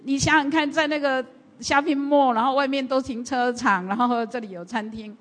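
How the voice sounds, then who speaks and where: A woman pastor tells a story to her congregation with a lively, animated delivery and plenty of fillers. Her voice sits a little high. It rings with the long reverb of a church hall. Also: normal speed. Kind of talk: sermon storytelling in a church service.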